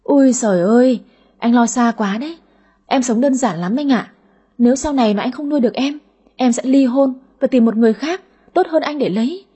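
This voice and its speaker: A woman voicing a greedy, sulky daughter in her thirties with a high, whiny voice in an audio story. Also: fairly quick, dark tone, husky. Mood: coaxing. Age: 30s. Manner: whiny, cheeky.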